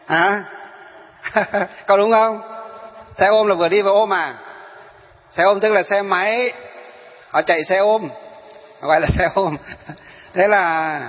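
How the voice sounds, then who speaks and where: High-voiced monk telling a story. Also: male voice. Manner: animated, addresses listeners directly. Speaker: Buddhist monk. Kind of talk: storytelling sermon. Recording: dull sound with long hall reverb.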